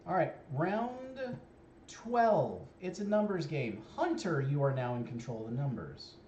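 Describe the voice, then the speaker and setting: A man hosting an online word game show, calling out letters and scores in a brisk way. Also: on the high side, animated, darkish tone. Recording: dull lo-fi stream audio with faint hiss.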